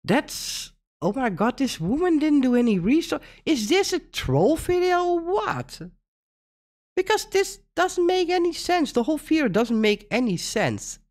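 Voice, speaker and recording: A Dutch woman talks through a reaction video in a relaxed, unhurried way. Her pitch swings widely as she laughs and fires off disbelieving questions. The delivery stays casual and conversational. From Netherlands. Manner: animated, laughs often, incredulous rhetorical questions. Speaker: reaction channel host.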